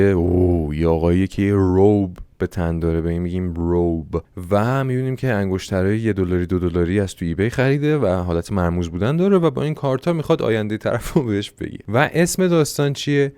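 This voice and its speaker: A Persian-speaking man teaches an online English class in a fairly deep voice. He walks through the exercises patiently and stretches out each English example so learners can follow. The sound is dry and close. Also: a little mellow, smooth, no echo. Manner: explains answers step by step, slows down for English examples.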